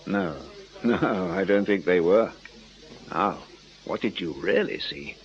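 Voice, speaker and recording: Heard in a muffled radio crime drama recording with slight background noise, a deep-voiced actor portrays a shrewd ex-music-hall memory man. His delivery is coaxing and teasing, deliberate and slyly patient.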